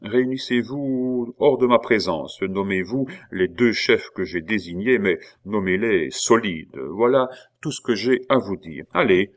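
A man's voice: lowish voice, unhurried, close to an everyday voice. A man voicing a self-important young male village captain who gives orders in a grand, solemn manner. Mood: commanding. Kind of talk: audiobook character voice.

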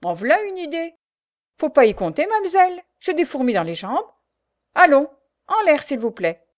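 A woman's voice: high-pitched, big pitch swings, normal speed, voice pushed up. A woman voicing a coarse, pushy female thief speaking in rude street talk, reading a storybook. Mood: furious.

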